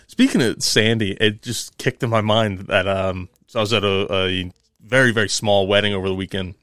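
A man's voice: fairly low pitch, fairly even intonation, normal speed, fairly bright tone, dry recording, studio quality. A man chatting casually as a podcast co-host. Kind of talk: casual chat.

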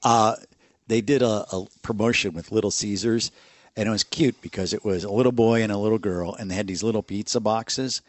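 Laid-back middle-aged male co-host, lowish voice, dry room. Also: fairly quick, no echo. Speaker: podcast co-host. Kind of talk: casual chat.

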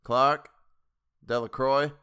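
A man voicing a brisk middle-aged official running a village lottery, formal and businesslike. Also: mid-range voice, level tone, bright, forceful tone, clean tone, voice pushed up. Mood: calling. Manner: brisk, formal, calling out names.

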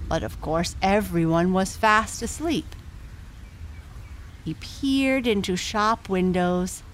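A woman narrating a bedtime story gently, with long pauses between phrases. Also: mid-range voice, a little hiss or hum.

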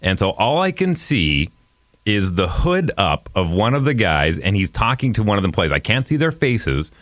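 A man's voice: lowish voice, big pitch swings, moderate pace, fairly bright tone, no echo. A man casually telling a story on a podcast, rambling with many restarts. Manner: rambling, restarts, breaks into laughter. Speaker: podcast host.

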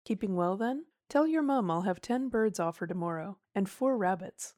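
A woman voicing an elderly rural English farmer who speaks in slow, weighty country speech, kindly but ominous. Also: medium pitch, expressive, darkish tone, no room sound, clean studio sound, natural voice. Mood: jovial.

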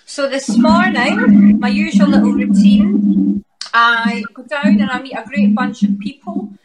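A woman's voice: high voice, expressive, unhurried, poor audio. A woman from Glasgow with a strong, broad Scottish accent, chatting casually as an interview guest in short, punchy, slangy phrases. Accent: strong, broad Glaswegian Scottish. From Glasgow, Scotland. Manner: punchy, informal, slangy delivery. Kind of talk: casual chat.

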